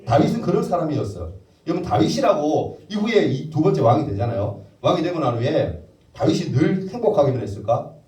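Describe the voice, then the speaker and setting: A man preaches to a youth congregation with a lively, swinging delivery and a warm, dark tone. He keeps firing questions at his listeners and answering them himself. His voice comes from some way off and rings through a roomy church. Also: a little high. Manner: lively, acts out prayers in character. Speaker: youth pastor. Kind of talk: sermon to teenagers. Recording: roomy echo, voice heard from a distance.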